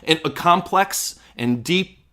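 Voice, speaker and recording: A man's voice: fairly high pitch, expressive, slow, bright, forceful tone. A man co-hosting a podcast, chatting casually and a bit rambly about a movie trailer. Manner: rambling, restarts and fillers, playful. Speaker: podcast co-host.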